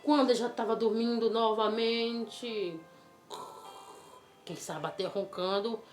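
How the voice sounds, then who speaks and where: Woman storyteller, animated and coaxing, fairly high voice, roomy echo, faint music bed. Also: slow. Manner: animated, coaxing, asks the child questions. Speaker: children's Bible storyteller. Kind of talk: storytelling for children.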